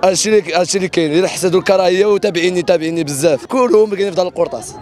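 A man's voice: high-pitched, racing, a little mellow. A distressed young Moroccan man giving a street interview, agitated and close to crying, insistently repeating his words. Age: young adult. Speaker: aggrieved interviewee. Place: outdoors in a crowd on a street. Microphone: handheld reporter's microphone. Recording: outdoor street with crowd noise.

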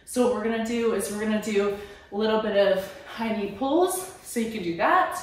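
A woman's voice: medium pitch, moderate pace. A woman fitness trainer coaching a workout at home, encouraging and talking while she moves. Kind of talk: workout instruction. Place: small room at home. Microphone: camera at a distance. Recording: very echoey room, far from mic.

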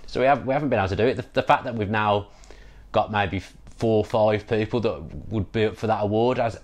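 This deep-voiced man talks fast and animatedly, often repeating words while he gathers his thoughts. A football podcast co-host, he's having a casual post-match chat over a video call from a room at home, using an earphone mic.

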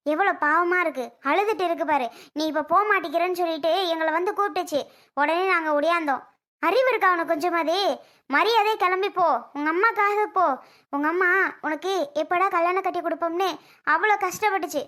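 Woman as scolding elder sister: very high, piercing. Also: a little fast, pushed and bright. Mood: lecturing. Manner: scolding, lecturing, rising shrill outbursts. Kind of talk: homemade family drama skit.

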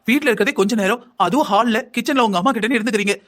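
A man's voice: high-pitched, a bit bright. Nagging envious young wife, voiced by a man. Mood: reproachful. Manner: nagging, whining, quick and insistent. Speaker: wife in a cartoon family drama. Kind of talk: Tamil cartoon voice acting.

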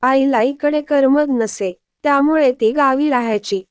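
A woman's voice: high voice, unhurried, no echo, studio quality. Woman voicing jovial older father Rameshrao. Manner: jovial, reminiscing. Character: genial older father of the family.

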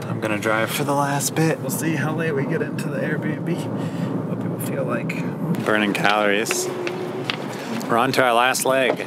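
A woman's voice: extremely low pitch, moderate pace, heavy background noise. A woman narrating a casual road-trip vlog with chatty, wry asides. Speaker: vlogger.

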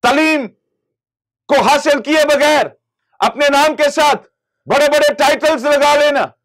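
A man's voice: very high-pitched, unhurried, fairly bright tone. A middle-aged man from Pakistan, a pastor preaching a televised sermon in a studio on a lapel mic, with impassioned emphasis that rises and falls. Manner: gestures constantly with both hands.

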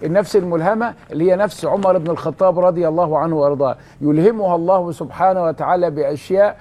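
This Egyptian-accented religious scholar narrates stories in a TV studio, passionately raising rhetorical questions and supplying the answers himself. His delivery is rapid-fire, in a slightly high, warm voice.

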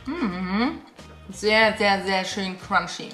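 A frank, opinionated woman food vlogger speaks while chewing. Her voice is bright and sharp. The room is echoey, and faint music plays underneath. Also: medium pitch, lively intonation, very slow. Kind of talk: casual product taste test.

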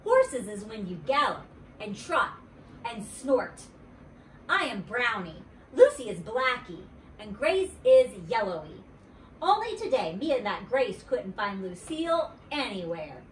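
A woman reading a children's story aloud at storytime in an animated, playful way. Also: fairly high pitch, a little slow, distant mic, a little hiss or hum. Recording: roomy, away from the mic.

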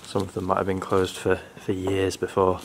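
A man giving casual, low-key commentary while walking through a large abandoned shopping centre, thinking aloud with pauses. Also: vocal fry. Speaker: urban explorer. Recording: steady background noise.

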